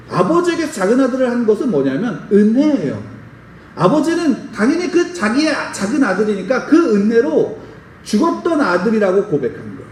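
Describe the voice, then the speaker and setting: A pastor preaching a sermon and telling a story, often putting questions to the congregation. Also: male voice, very high-pitched, a little hiss or hum. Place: church sanctuary. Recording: roomy church sound from a distant mic.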